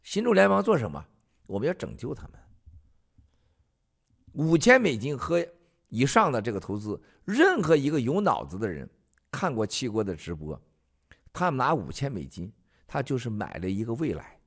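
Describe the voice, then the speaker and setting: A man's voice: mid-range voice, huge pitch swings, moderate pace, creaky, pauses often. A man hosting a political livestream, ranting and mocking with emphatic delivery. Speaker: livestream host.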